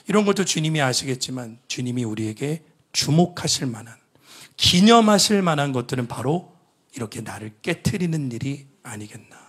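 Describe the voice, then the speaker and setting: A middle-aged male pastor preaching a sermon, telling a story with emotion and dropping to hushed whispers before rising into loud pleading. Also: mid-range voice, husky.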